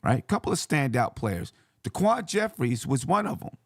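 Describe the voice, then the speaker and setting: Hoarse man hosting sports talk, swinging pitch. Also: sing-song, moderate pace, no room sound, studio quality. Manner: conversational, repeats phrases for emphasis. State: hoarse voice from yelling. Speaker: sports show host. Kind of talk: casual sports commentary.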